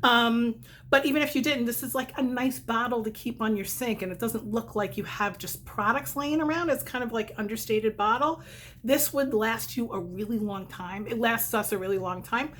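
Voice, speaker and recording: In a voice on the high side with a fairly bright tone, a middle-aged woman talks at normal speed about products, and the recording carries a little hiss or hum. She lives in New York, United States, and works as a vlogger and direct-sales consultant. Her casual chat is rambling, candid, and full of self-corrections, and her s sounds whistle and are a bit spitty.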